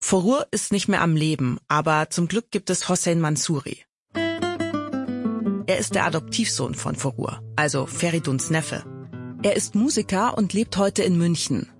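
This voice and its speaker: A woman hosting a podcast, narrating a documentary story in a calm, measured way. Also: fairly low pitch, over music.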